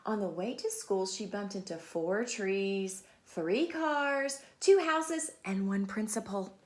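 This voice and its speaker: A woman reading a children's story aloud like a teacher, in an animated storytelling style. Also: medium pitch, slow. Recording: echoey, roomy sound.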